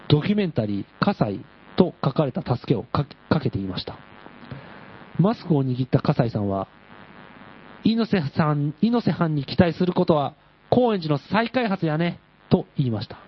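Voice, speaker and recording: A man hosting a radio show, reading a listener's letter aloud in a deadpan storytelling way. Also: mid-range voice, slightly rough. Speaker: radio host. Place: radio studio. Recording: dull lo-fi radio audio.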